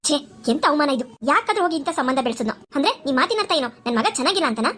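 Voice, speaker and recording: A woman voicing a haughty, indignant middle-aged mother of the groom in a cartoon, scolding in a quick, sharp voice. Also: high voice, very animated. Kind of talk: cartoon voice acting.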